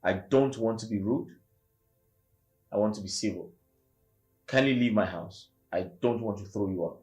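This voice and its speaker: A man's voice: fairly low pitch, normal speed, warm tone, soft background music, close to an everyday voice. An actor playing an embittered man in a film drama, stern and formally civil as he refuses. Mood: cold refusal.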